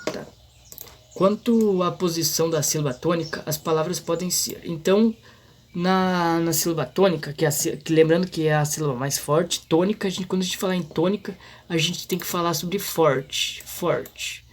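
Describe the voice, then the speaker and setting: A man explaining a grammar lesson in an informal, halting way, full of restarts and fillers. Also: fairly high pitch. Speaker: teacher.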